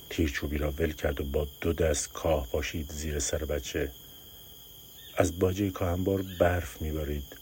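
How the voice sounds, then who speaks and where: Very deep-voiced male storyteller. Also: darkish tone, slight background noise. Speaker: narrator. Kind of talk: storytelling narration.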